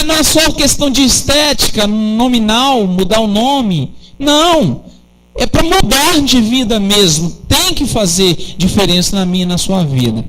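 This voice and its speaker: Slow high-voiced male preacher. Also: fairly bright tone, slight background noise, low-quality recording. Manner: slow, explanatory teaching with rhetorical questions. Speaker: rabbi preaching. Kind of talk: sermon.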